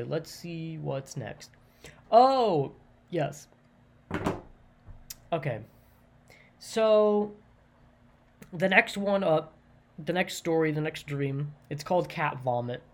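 An easygoing solo podcaster talking through stories in a loose, unscripted way. The speech wanders, is full of fillers, and keeps circling back to explain a detail again. The pitch sits in the middle, neither high nor low. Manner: rambling, lots of likes and ums; stops often to clarify and rephrase. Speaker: podcast host. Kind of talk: casual solo podcast storytelling.

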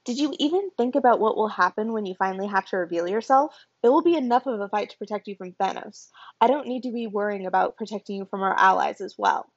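A woman reading the lines of a gruff, exasperated adult male god who growls at his sibling. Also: medium pitch, quick pace, natural voice. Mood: worried. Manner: growling, grumbling. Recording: dull lo-fi home recording.

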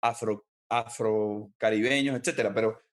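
A man's voice: on the low side, fairly even intonation, normal speed. A man hosting a podcast who chats casually and reflectively, rambling and tossing in words like "brother" and "pues". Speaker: podcast host. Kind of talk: casual interview chat.

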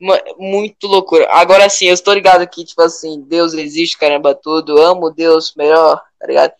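A young man with a Brazilian Portuguese accent, chatting casually in a rambling, animated way full of slang. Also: on the high side, a little fast, dry recording.

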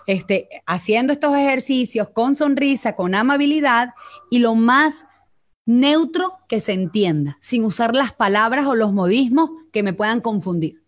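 Chatting casually in a live session, a woman vocal coach with a Venezuelan accent walks through voice technique, often pausing to ask "ok?". Her voice sits on the high side.

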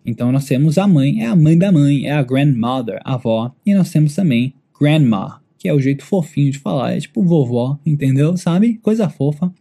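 A man from Brazil teaching an English lesson in a relaxed, playful way, laughing often and repeating each word slowly for the learner. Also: on the high side, vocal fry. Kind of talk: casual English lesson for Portuguese speakers.

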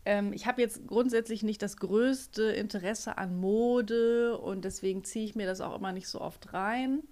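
A woman's voice: medium pitch, steady tone, normal speed, darkish tone. Young woman co-host, casual and opinionated, frequent restarts. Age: young adult. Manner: chatty, opinionated, restarts often. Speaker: podcast co-host. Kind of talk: casual chat.

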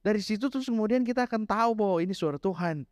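A man preaching a sermon as pastor, mixing Indonesian and English, telling a story and slowing down to stress key points. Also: sits high, darkish tone, no echo, clean studio sound. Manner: switches between Indonesian and English mid-sentence; slows down for emphasis, storytelling delivery.

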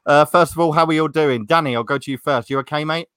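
A man's voice: on the high side, fast, a bit bright, clear, resonant tone, dry recording. Male sports podcast host, dry close sound. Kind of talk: casual sports chat.

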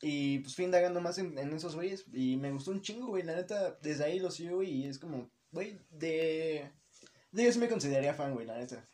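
A man's voice: fairly high pitch, lively intonation, fast, darkish tone. A young man with a Mexican accent in casual podcast banter, joking and slangy. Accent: Mexican Spanish. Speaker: podcast co-host. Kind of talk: casual chat among friends.

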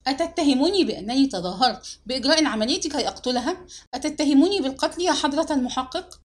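A woman voicing a young male doctor in an audiobook reading, defensive and quick to anger under questioning. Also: high voice, expressive, pitched above the performer's own voice. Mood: angry, defensive.

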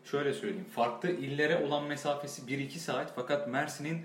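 A man's voice: mid-range voice, steady tone, fast. A man co-hosting a comedy podcast, teasing his partner with dry corrections in a cramped, stuffy room. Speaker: podcast co-host. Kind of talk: casual comedic chat. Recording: echoey room with faint background hiss.

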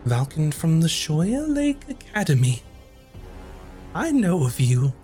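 A man voicing a frail elderly halfling woman, a kindly sensei, in a raised, gentle voice. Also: on the high side, very animated, slow, soft background music, voice pushed up. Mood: curious.

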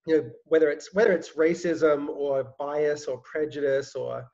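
A man interviewer muses aloud in a hesitant, filler-heavy way, his voice a bit higher than most men's. The sound is slightly dull and lo-fi. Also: steady tone, moderate pace, gravelly, mellow. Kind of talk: conversational interview. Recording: dull lo-fi recording.

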